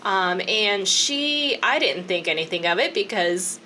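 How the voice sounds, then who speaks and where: A woman's voice: medium pitch, expressive, a little slow, pushed and bright, a little hiss or hum. A woman in her thirties co-hosting a podcast in casual chat, chatty with frequent laughs and fillers. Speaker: podcast co-host.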